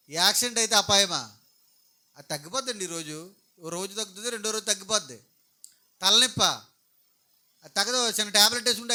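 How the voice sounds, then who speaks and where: A middle-aged pastor from Andhra Pradesh preaches a sermon in a high-sitting, pushed and bright voice. He poses questions to the congregation and then answers them himself.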